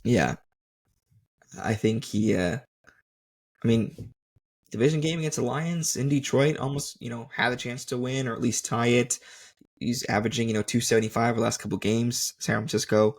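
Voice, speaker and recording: A man's voice: medium pitch, steady tone, moderate pace. A man co-hosting a casual sports podcast, making confident, joking predictions with lots of ums and uhs. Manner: bold, joking predictions with many fillers. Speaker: podcast co-host.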